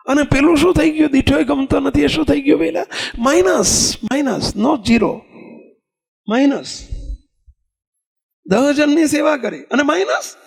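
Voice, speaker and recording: High gravelly Gujarati preacher, man. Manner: animated storytelling, rhetorical questions to listeners. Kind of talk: sermon.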